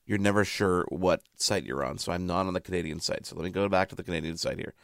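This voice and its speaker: A man's voice: low-pitched, steady tone, quick pace, vocal fry, dry recording, clean studio sound. A man hosting a radio show in casual chat, chatty and playful, often interrupting himself.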